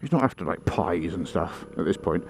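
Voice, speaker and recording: Waffly biker on a helmet mic. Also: male voice, low-pitched, animated, a little fast, vocal fry, a little hiss or hum, low-quality recording. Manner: waffly, self-deprecating, many fillers. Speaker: motorcycle vlogger. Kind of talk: casual rambling chat. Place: riding a motorbike outdoors.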